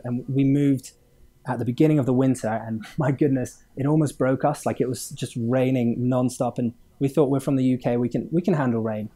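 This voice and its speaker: A game studio owner born in Hong Kong speaks in a dark, mid-range voice during a casual podcast interview where he's the guest. He rambles freely, filling gaps with fillers and chuckling mid-sentence.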